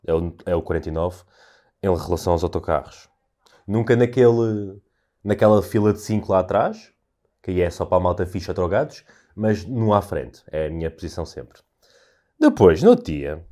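A young man with a European Portuguese accent hosting a solo podcast, telling stories in an animated, ranting way and swearing freely. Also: deep voice. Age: young adult. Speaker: podcast host. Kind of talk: casual solo podcast monologue.

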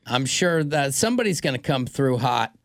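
A man's voice: mid-range voice, very animated, a bit bright, no room sound, clean studio sound. Wisecracking male radio co-host. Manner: quick quips. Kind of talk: morning radio banter. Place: radio studio. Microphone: studio mic.

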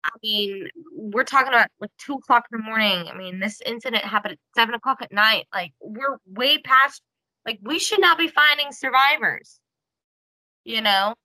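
Bright, lively woman telling a story. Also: a little high, moderate pace, no room sound, low-quality recording. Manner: animated, many fillers, acts out quotes. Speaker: podcast host. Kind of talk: casual storytelling chat.

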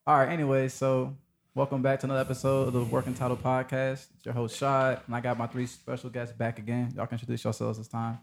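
A man hosting a casual podcast, laid-back and quick to react. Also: medium pitch, completely flat delivery, vocal fry, slight background noise. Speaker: podcast host.

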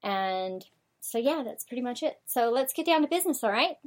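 A woman's voice: on the high side, animated, brisk. A woman from the United States hosting her own talk show, rambling through her thoughts with many fillers and restarts. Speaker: show host. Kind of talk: casual talk show monologue.

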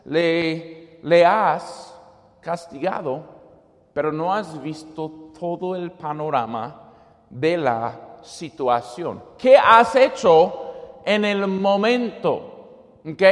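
A man's voice: sits high, in a large hall. A man preaching as a missionary, telling a made-up story with many fillers and restarts and acting out the quotes.

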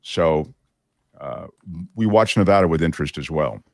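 Casual male host, fairly low and very animated, dry booth sound, loose digressive delivery. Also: normal speed, gravelly, no echo. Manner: chatty, digressive, many fillers. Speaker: talk show host. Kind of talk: casual political commentary.

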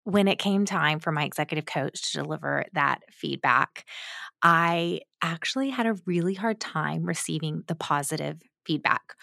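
A woman hosts a podcast. She tells a personal story in an animated way and acts out the lines she quotes. Her voice sits low with a gravelly rasp, recorded dry and close. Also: normal speed, no echo. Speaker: podcast host. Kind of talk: storytelling monologue.

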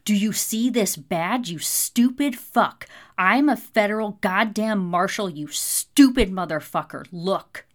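A man's voice: fairly high pitch, measured pace, fairly bright tone. A woman voicing an angry young male federal marshal who growls and swears out threats. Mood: furious, threatening.

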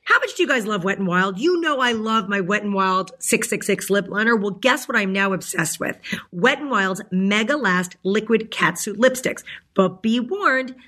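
A woman's voice: mid-range voice, animated, normal speed, pushed and bright. A woman reading an advertisement in an upbeat, salesy manner. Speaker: ad reader. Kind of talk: read advertisement.

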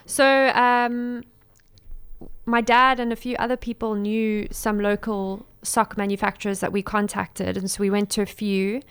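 Clear-voiced young South African woman, informal. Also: medium pitch, level tone, a little slow, fairly bright tone. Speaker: interview guest, small business owner and designer. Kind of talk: casual interview chat.

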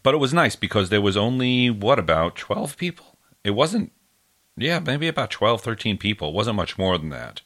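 A man with a very low, deep voice talks casually as a podcast co-host. He rambles, searches for words and trails off often, filling gaps with ums and uhs. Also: very animated, normal speed, a bit bright. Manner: rambling, trails off with many fillers. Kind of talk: casual chat.

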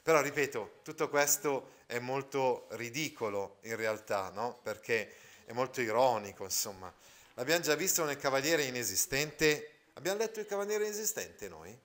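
A man's voice: mid-range voice, lively intonation, moderate pace, a bit bright. Man teaching literature, explaining as he reads. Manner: digressive, with many "eh" and "no?" tags and self-corrections. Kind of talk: lesson mixing reading aloud and explanation.

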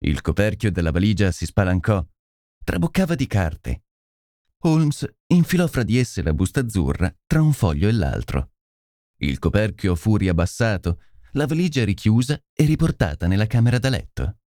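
A man narrating a detective story in an expressive, scripted delivery. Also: fairly low pitch, moderate pace, dry recording, clean studio sound. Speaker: audiobook narrator.

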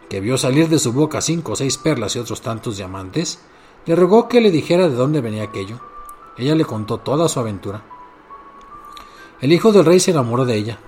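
Give me a man reading a fairy tale aloud, measured, soft music under it. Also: mid-range voice. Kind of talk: scripted fairy-tale narration.

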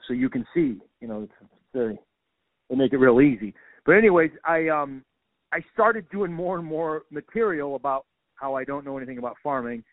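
Self-deprecating comedian on a tinny phone. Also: male voice, medium pitch, animated, a little fast, no room sound. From US Midwest. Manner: rambling, self-deprecating, many restarts. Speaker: stand-up comedian. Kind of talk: casual phone conversation. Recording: dry tinny phone line.

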